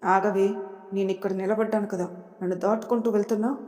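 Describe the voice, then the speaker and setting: A woman voicing a sharp-tongued middle-aged mother and aunt who nags and scolds. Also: medium pitch, fairly even intonation, fairly quick, big-room sound, natural voice. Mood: scolding. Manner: scolding, nagging.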